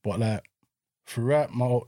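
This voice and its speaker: A man's voice: medium pitch, takes it slowly, warm tone, dry recording, clean studio sound. A man telling stories as a podcast guest in casual, slangy speech. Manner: colloquial, slangy. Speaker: podcast guest, former footballer. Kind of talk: casual chat, storytelling.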